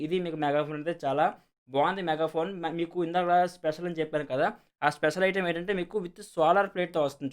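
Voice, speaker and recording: A Telugu-accented man with a smooth, slightly high voice hosts a video where he casually explains and demonstrates a product. His speech is repetitive and full of English words.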